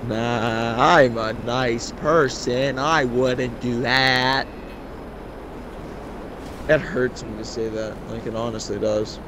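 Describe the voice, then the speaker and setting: A man's voice: medium pitch, fairly even intonation, takes it slowly, background noise. A man recording himself gaming with a friend, laid-back and teasing in casual banter.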